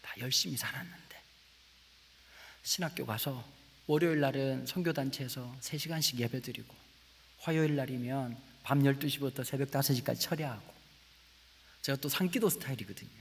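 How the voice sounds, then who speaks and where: A guest preacher from the Gyeongsang region of Korea delivers a testimony sermon in a church sanctuary, speaking with a Gyeongsang Korean accent. He tells his story animatedly, swinging between big loud exclamations and hushed asides, in a brisk, mid-range voice with a breathy edge. The church hall adds long reverb.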